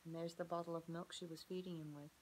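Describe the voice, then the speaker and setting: A woman preschool teacher gently reading a picture book aloud to children and asking them questions about the pages. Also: fairly low pitch, flat delivery, fast, slight background noise, poor audio.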